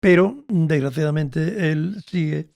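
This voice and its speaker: A man, a biographer, speaking as an interview guest in an earnest, measured way and often agreeing. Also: fairly high pitch, creaky, a little mellow, no room sound, studio quality. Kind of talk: casual conversational interview.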